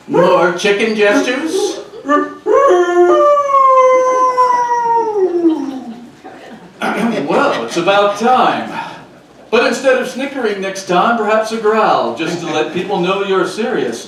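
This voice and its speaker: Comic trivia host male actor: wry, teasing, theatrical, very high animated voice, unhurried, in a roomy hall. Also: heavily acted. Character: wisecracking host of a spooky comedy trivia show. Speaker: game show host. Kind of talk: scripted comic quiz hosting. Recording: echoey hall, far mic, faint noise.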